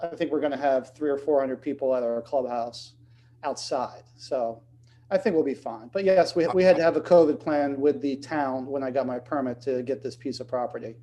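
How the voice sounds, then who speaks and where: A man of fifty answers interview questions in a relaxed, rambling manner. His voice is warm and mellow at a middle pitch. A faint hiss runs underneath. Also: moderate pace. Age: 50s. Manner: easygoing, rambling, many fillers. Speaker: tournament director.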